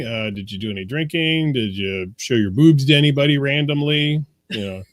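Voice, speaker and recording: Joking man with a lively voice. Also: medium pitch, dry recording. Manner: joking, laughs a lot, crude teasing. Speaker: co-host. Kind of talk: casual banter on a podcast. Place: home basement studio.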